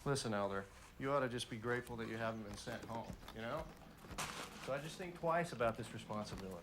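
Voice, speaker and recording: A man's voice: mid-range voice, quick pace, noisy background, close to an everyday voice. A young man playing an easygoing, peacemaking missionary who speaks matter-of-factly. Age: young adult.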